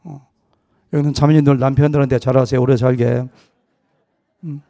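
Man, middle-aged, pastor, sermon, storytelling with acted-out dialogue, gravelly, dry close recording. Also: mid-range voice, steady tone, moderate pace, dark tone, dry recording. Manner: anecdotal and humorous, acting out dialogue in a wide-ranging voice.

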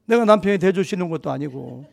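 A middle-aged man, a pastor preaching a sermon, telling a humorous personal story and acting out the dialogue with lively shifts of voice. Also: high voice, quick pace, vocal fry, no room sound. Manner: anecdotal and humorous, acting out dialogue in a wide-ranging voice.

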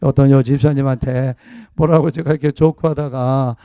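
Gravelly, conversational Korean pastor preaching. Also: male voice, mid-range voice, steady tone, moderate pace, dry recording, highs cut off. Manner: jokey, conversational preaching with laughs. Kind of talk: sermon.

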